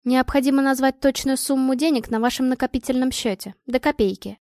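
A woman's voice: high voice, fairly quick, a little mellow, no room sound, clean studio sound. A woman reading the part of a young female phone scammer who speaks politely but insistently.

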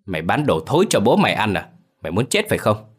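A man voicing a brutish tattooed thug, middle-aged, shouting threats in a violent temper. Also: fairly low pitch, wildly swooping pitch, fast, slightly rough, exaggerated voice. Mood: furious threats.

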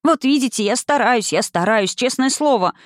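A woman's voice: on the high side, expressive, normal speed, dry recording, studio quality, voice pushed up, lightly acted. A woman reading an audiobook, voicing a frightened little girl who pleads and stammers. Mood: frightened, pleading.

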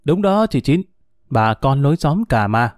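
A man's voice: medium pitch, expressive, quick pace, a little mellow, dry recording, clean studio sound, lightly acted. A man voicing a jovial middle-aged local boss, chatting in an easygoing, amused way. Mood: genial.

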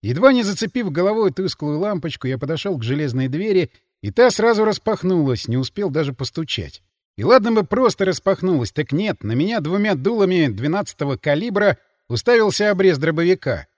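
A man's voice: sits high, big pitch swings, a little fast, dry recording. A man narrating an audiobook with dry, wry asides. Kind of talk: scripted narration.

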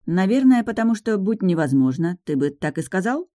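A woman's voice: medium pitch, sing-song, brisk, mellow, no echo, studio quality, close to an everyday voice. A woman voicing a blunt, practical young witch heroine in a matter-of-fact way. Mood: plain. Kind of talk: audiobook narration.

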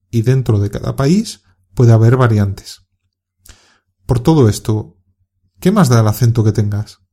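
A man with a Castilian Spanish accent reads a scripted podcast lesson for learners. His voice is mellow and warm, pitched in an ordinary middle range. He explains calmly and clearly and urges learners on. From Spain. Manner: calm, clear, encouraging explanation. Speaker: Spanish teacher.

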